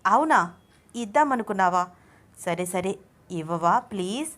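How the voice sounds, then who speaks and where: A woman's voice: mid-range voice, lively intonation, a little slow, fairly bright tone. Teasing, pushy young husband, read by a woman in a storybook; coaxing tone, ordinary talking voice. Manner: teasing, coaxing, calls his wife babe. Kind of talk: storybook reading.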